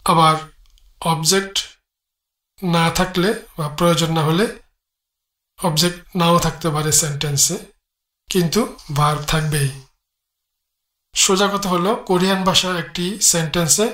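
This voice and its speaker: A man reads a grammar lesson aloud, slowly and carefully, and sounds out each part of a word. His voice is bright and sharp. The room around him is echoey. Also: a little high, fairly even intonation. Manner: measured, spells out sounds one by one. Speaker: language teacher.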